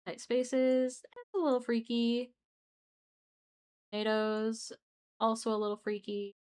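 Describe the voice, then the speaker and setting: A woman's voice: fairly high pitch, steady tone, slow, darkish tone, smooth. A young adult woman streamer chatting casually, rambling with restarts and asides to her viewers. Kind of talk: casual livestream chat.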